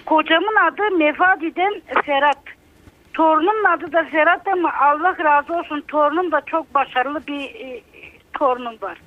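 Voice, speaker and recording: A woman's voice: sits high, normal speed, slight background noise. Older woman aggrieved caller over a landline phone. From Bulgaria. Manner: bitter, aggrieved, emotional complaining. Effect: heard over a landline phone. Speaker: radio call-in listener. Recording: narrow tinny phone line.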